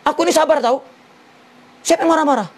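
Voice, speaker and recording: A man voicing an indignant wife who insists she is patient, in a high protesting voice. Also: fast talker. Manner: high, protesting, self-righteous.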